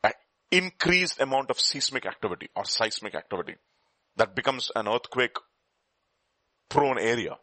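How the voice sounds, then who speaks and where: A man's voice: mid-range voice, big pitch swings, moderate pace, long pauses, bright, forceful tone, no room sound. A man with an Indian accent preaching in an informal lecturing style, emphatic and putting rhetorical questions to his listeners.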